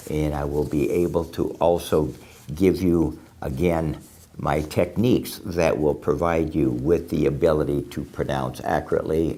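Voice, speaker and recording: A man teaching English pronunciation to a class, explaining slowly and deliberately with frequent pauses and fillers. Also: extremely low pitch, darkish tone. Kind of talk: classroom lesson.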